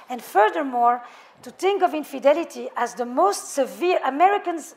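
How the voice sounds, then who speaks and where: A middle-aged woman with a French accent and a high voice speaks as a couples therapist in a public talk to a live audience. She is thoughtful and tends to pile up lists of words.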